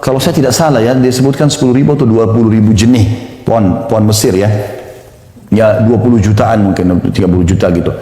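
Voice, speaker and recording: A male preacher telling a story in a sermon, retelling it in lively fashion with quoted dialogue. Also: fairly low pitch, fairly quick. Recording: echoey hall reverb.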